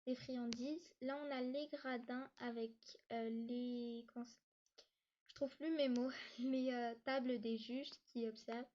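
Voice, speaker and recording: A woman giving a casual tour of her game world, talking quickly with lots of hesitations and restarts, sometimes short of breath. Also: on the high side, fairly even intonation, a little mellow, dull audio, a little hiss or hum. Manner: hesitant, many fillers and restarts; talks fast, says she struggles to catch her breath. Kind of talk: casual gameplay tour narration.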